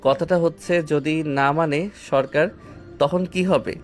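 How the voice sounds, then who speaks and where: A man voicing a calm, teasing young hero who stays unfazed. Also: a little high, unhurried, soft background music, natural voice. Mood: cool. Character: calm, cheeky young male hero Akash.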